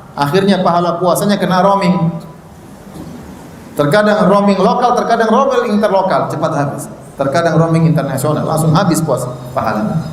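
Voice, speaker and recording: High-pitched guy preaching, animated, gets loud then drops quiet, chants scripture slow, big echoey hall. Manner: animated, swings from loud exhortation to quiet asides, joking. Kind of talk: sermon. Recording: echoey hall with long reverb.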